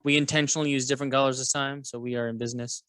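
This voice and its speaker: A man's voice: mid-range voice, flat delivery, rapid-fire, a bit bright, clear, resonant tone, no room sound. A man teaching math alongside a colleague, playful and jokey, guiding with questions. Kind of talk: co-teaching a lesson, casual banter.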